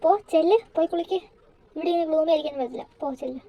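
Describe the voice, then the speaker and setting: A woman's voice: high-pitched, fairly even intonation, very fast, muffled recording, close to an everyday voice. Woman doing a bossy, teasing little sister. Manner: teasing, coaxing. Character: bossy, cheerful teenage younger sister. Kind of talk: amateur audio drama.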